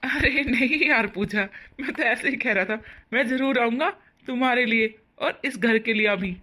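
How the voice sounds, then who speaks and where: A woman voicing a caring young husband in a cartoon story, speaking gently and reassuringly. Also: on the high side, normal speed.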